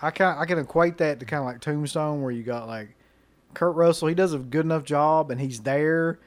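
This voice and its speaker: A man's voice: a little high, brisk. A man co-hosting a podcast, in laid-back, profane casual chat about horror films. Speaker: podcast co-host.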